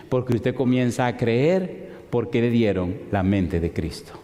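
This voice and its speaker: A man's voice: medium pitch, warm tone. A male pastor preaching a sermon in a conversational, storytelling way, throwing rhetorical questions at the congregation. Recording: echoey hall reverb.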